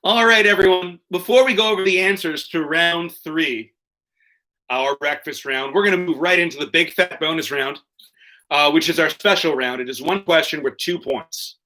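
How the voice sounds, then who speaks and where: A man's voice: fairly high pitch, normal speed, bright, forceful tone, rough recording. A man hosting an online quiz over a video call, reading questions and tossing in joking, profane asides. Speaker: quiz host.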